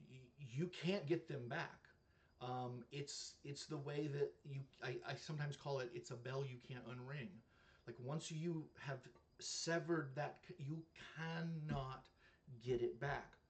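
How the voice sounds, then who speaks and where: A man's voice: medium pitch, a little mellow. Earnest man talking to camera. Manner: earnest, conversational, with many "like" fillers and restarts. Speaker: reaction video creator. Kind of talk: casual reaction commentary.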